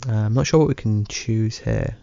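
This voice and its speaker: A man with a low, dark, mellow voice talks through his gameplay in a relaxed, rambling way, chuckling as he goes. The sound is dry and a little dull, like a lo-fi home mic. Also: moderate pace, vocal fry, no room sound. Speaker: let's play gamer. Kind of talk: casual gameplay commentary.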